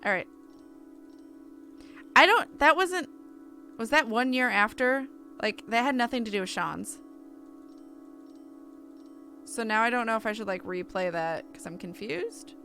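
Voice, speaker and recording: A woman with a fairly high voice live-streams a game at a measured pace with long pauses, game music playing behind her. She reads story text aloud expressively and chats casually in between, interrupting herself with reactions.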